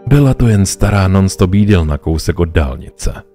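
A man narrating a first-person horror story in a calm, measured way. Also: sits low, soft background music.

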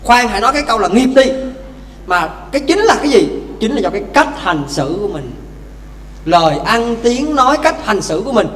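A man, a Buddhist monk, giving a lively dharma talk with stories, speaking directly to the congregation. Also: sits high, brisk. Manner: lively, addresses audience directly. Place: temple hall. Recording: echoey temple hall, faint hum.

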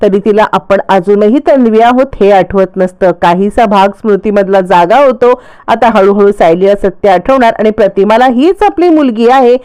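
A woman narrating a casual, lively recap of a television serial's plot. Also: mid-range voice, normal speed, smooth.

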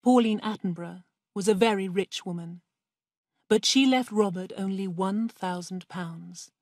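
A woman reads a simple story aloud for language learners. Her delivery is slow and careful, her voice soft and breathy, and the recording is dry and close. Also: mid-range voice, no echo. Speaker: narrator. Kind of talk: slow scripted audiobook reading for learners.

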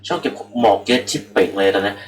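A man's voice: lowish voice, lively intonation, quick pace, over music, rough recording. A young man giving rambling, casual let's-play commentary into a computer microphone, swearing freely and talking to his viewers. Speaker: gaming channel host.

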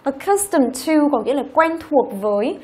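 A woman's voice: high-pitched, sing-song, moderate pace. A woman teaches an online review lesson in a slightly raised voice, speaking. She walks through each answer step by step and regularly checks that her students follow along. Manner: explains step by step, often checks with "ok?" and "đúng không?". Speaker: English teacher.

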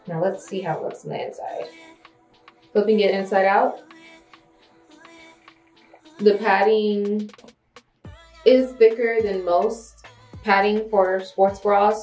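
A young woman unboxing clothes on camera talks in a casual, excitable way, her voice ringing in a small bare room. Faint music plays behind her, and the sound comes from a camera mic close to her. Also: medium pitch, echoey room, low-quality recording. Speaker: beauty and fitness vlogger.

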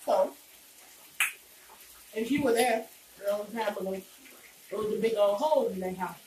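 A woman's voice: medium pitch, moderate pace. A young woman chatting casually and playfully while eating, in a home mukbang vlog. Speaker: vlogger. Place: indoors, small home room. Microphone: phone camera a few meters away. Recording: distant, echoey, noisy phone-camera recording.

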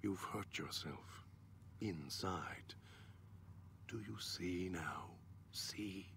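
An actor voicing a cold, controlling mutant alter ego in a video game, speaking in calm, cutting, articulate sentences. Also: male voice, low-pitched, very slow, creaky, a little hiss or hum, exaggerated voice. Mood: menacing.

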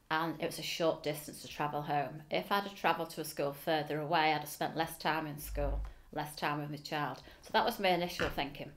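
A middle-aged woman with a Liverpool accent speaks earnestly in an oral history interview set in a school office, with frequent ums. She sits facing the camera, and her voice is low with a fairly bright tone.

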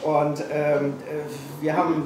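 In a small room at a failure-stories evening, a middle-aged man from Hamburg, Germany, talks to the audience with frankness, self-mockery, and many hesitations. He speaks slowly in a slightly high voice with little pitch movement. The distant room-PA recording is echoey and carries faint noise.

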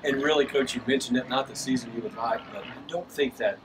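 A man's voice: mid-range voice, quick pace. A middle-aged man interviewing a coach after a game, encouraging and upbeat, from a press box. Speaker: sports broadcaster interviewing coach. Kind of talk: postgame interview. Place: press box above a lit ballfield at night. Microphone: headset mic. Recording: distant mic with background noise.

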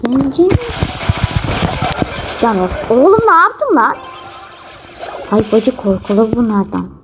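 A woman's voice: fairly high pitch, big pitch swings, slow pace. A young woman giving casual commentary on her own gameplay, often frustrated and exclaiming at her teammates. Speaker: gamer. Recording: noisy home recording.

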